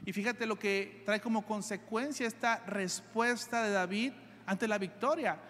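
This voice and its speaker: A man's voice: high voice, measured pace, fairly bright tone, slight background noise. Guy preaching, reads the bible out then explains it, says things over and over, lots of hall echo. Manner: reads scripture aloud and then explains it, with earnest repetition. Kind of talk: sermon. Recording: long hall reverb.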